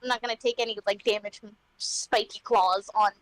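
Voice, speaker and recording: A woman's voice: mid-range voice, steady tone, brisk, fairly bright tone, low-quality recording. A woman player in a casual tabletop game session, chatting easily.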